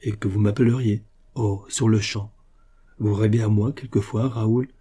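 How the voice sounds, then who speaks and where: A man reading the part of a grave, gentle aging nobleman speaking tenderly to his son, in a husky, dark voice. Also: lowish voice, fairly even intonation, normal speed.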